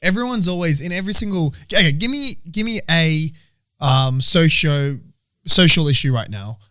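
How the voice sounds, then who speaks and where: A man's voice: fairly high pitch, lively intonation, moderate pace, sharp tone, no echo, clean studio sound. A young Australian man co-hosting a podcast in casual, crude banter, swearing and laughing often. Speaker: podcast co-host.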